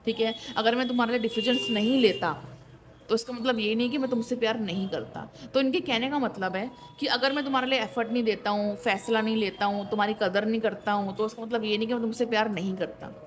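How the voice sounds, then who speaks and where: Tarot reader, woman, higher voice, conversational and direct, repeats for emphasis. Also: steady tone, fast talker, a little hiss or hum. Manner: direct and conversational, often checks in with "ठीक है"; repeats points for emphasis, with wry disbelief. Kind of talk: tarot reading addressed straight to the viewer.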